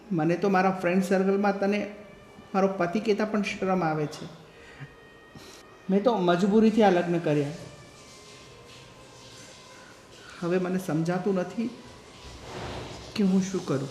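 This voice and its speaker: A man playing a loud, wounded young husband. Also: on the high side, fairly even intonation, a little slow, pauses often, lightly acted. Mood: aggrieved. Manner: loud, aggrieved complaining. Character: bitter, humiliated young husband. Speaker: son-in-law. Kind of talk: short-film family drama acting. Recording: echoey room, distant mic, faint noise.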